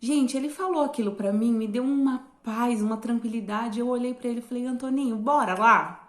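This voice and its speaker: A woman's voice: a little high, steady tone, brisk, mellow. A Brazilian woman telling her viewers a personal story in a chatty way. She keeps turning to her audience and trails off into fillers. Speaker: vlogger. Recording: roomy echo.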